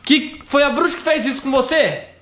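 High-voiced Brazilian man calling out anxiously. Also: moderate pace, fairly bright tone. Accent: Brazilian Portuguese. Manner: anxious, calling out and talking to viewers. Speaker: YouTuber. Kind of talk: acted horror vlog narration to viewers. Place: outdoors at a country house at night.

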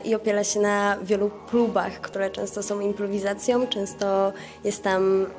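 A woman's voice: medium pitch, little pitch movement, a little slow, darkish tone, faint music behind. A woman in her twenties, an art student, explaining her work into a handheld microphone in an interview. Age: 20s. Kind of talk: interview at exhibition opening.

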